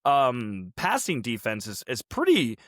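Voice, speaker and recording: Male podcast host, mid-pitched, dry close mic, animated storyteller. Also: a little slow, dry recording. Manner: animated storyteller, acts out quotes. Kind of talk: casual sports chat.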